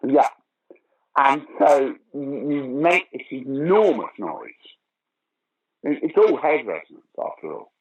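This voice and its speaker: An older man, a pantomime actor and former opera singer, tells theatre anecdotes as an interview guest, acting out remarks in a theatrical, emphatic way. His mid-range voice is very animated and has a breathy edge, though slow and paused often. The sound is lo-fi.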